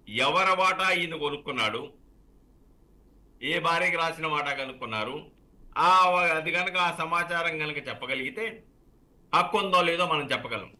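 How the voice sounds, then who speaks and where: A man, a lawyer giving measured legal explanations on a call-in show. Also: on the high side, sharp tone.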